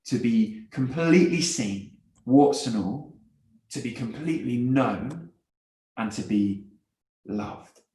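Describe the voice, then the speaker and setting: Male speaker, mid-range voice, earnest gospel talk with repeats and hushed moments, roomy echo. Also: medium pitch, expressive, slow. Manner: earnest, repeats words, drops to soft quiet phrases. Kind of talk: evangelistic talk. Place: university event room. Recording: echoey room.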